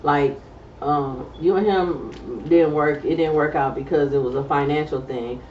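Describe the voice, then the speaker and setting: A woman's voice: low voice, measured pace, highs cut off, a little hiss or hum. Candid middle-aged woman, roomy distant sound. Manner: candid, loose conversational talk with many fillers. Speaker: podcast co-host. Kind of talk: casual chat.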